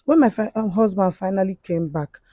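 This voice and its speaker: Woman giving a halting confession. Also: medium pitch, lively intonation, dark tone, dry recording, muffled recording. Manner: halting, with frequent fillers and restarts. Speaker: confessing guest. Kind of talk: emotional spoken testimony.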